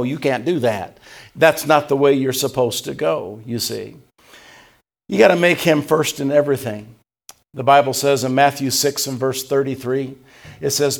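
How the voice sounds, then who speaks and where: An older male pastor from Tennessee, USA, preaches a sermon in a gravelly voice pitched in a man's middle range. He alternates emphatic pushes with quiet, hushed asides and quotes scripture in old-fashioned wording.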